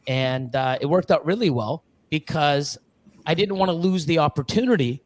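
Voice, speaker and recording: In a dry recording, a man with a slightly high voice at normal speed chats as a guest on a laid-back live stream from a reptile facility in Ontario. A ball python breeder, he rambles about breeding reptiles, loaded with fillers and restarts, swearing casually now and again.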